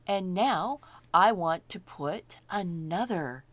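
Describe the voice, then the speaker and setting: A middle-aged woman leads a painting lesson at an unhurried pace. Her pitch sits on the low side but swings widely, and she chats and thinks aloud as she works. She cheerfully admires her own progress along the way. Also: expressive, no echo. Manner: chatty, self-delighted, thinking aloud while working. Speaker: art instructor.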